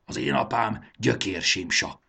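A man's voice: lowish voice, vocal fry, pushed and bright, husky, heavily acted. A man doing an earnest young gurgó. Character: earnest young male gurgó former servant. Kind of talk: audiobook character voice.

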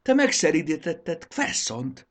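A man voicing the hero's joyful companion in a storybook reading, exclaiming in a raised, high voice. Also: huge pitch swings, creaky, husky, exaggerated voice. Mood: overjoyed.

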